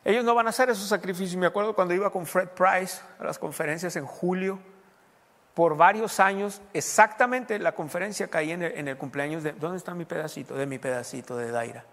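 A man preaching a sermon as pastor, animated and mimicking people's voices. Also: high-pitched, fairly quick. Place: church. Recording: reverberant church hall.

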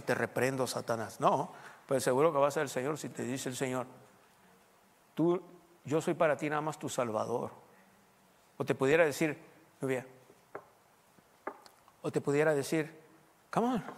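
A man delivers a conversational sermon, pressing his listeners with rhetorical questions and slipping in English phrases now and then. His voice sits somewhat high for a man, and a long reverb trails behind his words. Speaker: preacher. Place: U.S. Southwest.

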